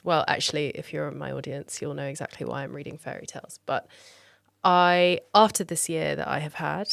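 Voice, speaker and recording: A woman's voice: low voice, vocal fry, dry recording, studio quality. A woman hosting a podcast, talking casually and personally to her listeners in an introduction. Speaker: podcast host.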